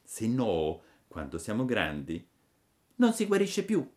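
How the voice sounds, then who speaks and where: A gentle fairy mother, as a male storyteller voices her speaks softly and slowly. She lectures the child with calm, measured firmness. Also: full character voice. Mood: stern. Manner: soft, low and measured, slow and admonishing. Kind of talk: storybook reading.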